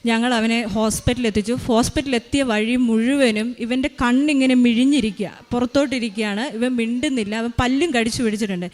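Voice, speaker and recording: A woman's voice: fairly high pitch, fast, hardly any pauses, a little mellow. A woman in her thirties giving a spoken faith testimony as a mother, retelling events earnestly with many hesitations.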